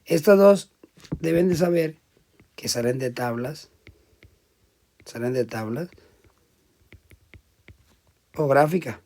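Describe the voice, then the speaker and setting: A man teaching a class speaks slowly with frequent pauses, his voice a little high. He walks through each step, regularly asks the class short questions, and moves between loud emphasis and quiet asides.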